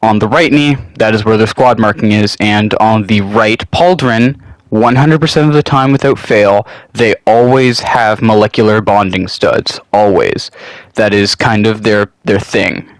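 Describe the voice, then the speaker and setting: A young man hosts his own channel while nursing a cold, sniffling a bit as he rambles casually through a loosely scripted hobby topic and swears now and then. His voice is lowish and unhurried, and the recording is dry and low-quality.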